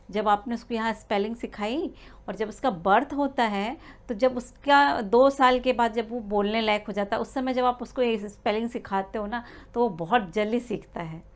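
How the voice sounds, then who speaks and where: A woman giving a spoken lesson to expecting mothers, explaining step by step with frequent "uh" fillers and small restarts. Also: a little high. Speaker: prenatal learning coach.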